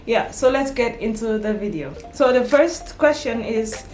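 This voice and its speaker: A young Cameroonian woman chats casually in a get-to-know-me vlog, full of ums and self-corrections. Her voice sits on the high side, animated yet unhurried and a little mellow, in an echoey room with background music and slight noise.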